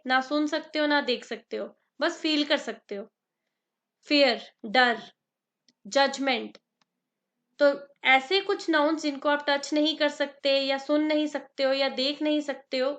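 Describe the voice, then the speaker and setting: Woman tutor, high voice, dictates examples slowly, quizzes the class. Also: a bit bright. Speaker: exam prep teacher. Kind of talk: grammar lesson in Hindi-English mix.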